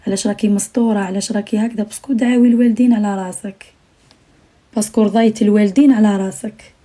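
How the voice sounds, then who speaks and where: A woman's voice: mid-range voice, steady tone, very fast, dark tone. A young Algerian woman talking earnestly to her viewers on a late-night live stream, repeating her phrases and sometimes dropping almost to a whisper.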